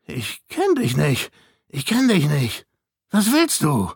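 A croaking, jittery little man, pushed well above the reader's own pitch and sounding strangely off-timbre, as a male narrator puts him on. He stammers out his words, caught between fear and scornful disgust, in a dry audiobook reading. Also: huge pitch swings, takes it slowly, dry recording, exaggerated voice. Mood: fearful. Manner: fearful, contemptuous. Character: small gaunt frightened man, hostile and unhinged.

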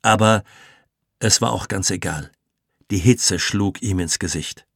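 Slow, low-voiced male audiobook narrator. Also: gravelly, fairly bright tone, no room sound, clean studio sound. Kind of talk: scripted narration.

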